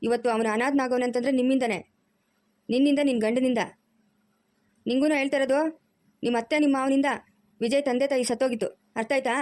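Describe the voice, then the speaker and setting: A woman's voice: high voice, steady tone, brisk, pauses often, a little mellow, dry recording, studio quality, natural voice. A middle-aged woman playing a stern, wounded mother who scolds her family firmly in a home drama. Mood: stern scolding. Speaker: mother-in-law. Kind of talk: amateur family drama acting.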